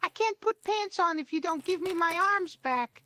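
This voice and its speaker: A woman's voice: extremely high pitch, animated, moderate pace, a bit bright. A woman's synthetic voice playing an exasperated, put-upon young man who complains as he grudgingly goes along with the demands. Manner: whiny, complaining, grudgingly obeys. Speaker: AI role-play partner.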